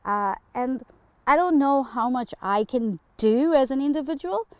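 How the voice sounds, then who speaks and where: A South African woman speaking earnestly as an interview guest, pausing often with fillers. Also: sits high, expressive, clean tone, no room sound. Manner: earnest, halting with many fillers. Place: home.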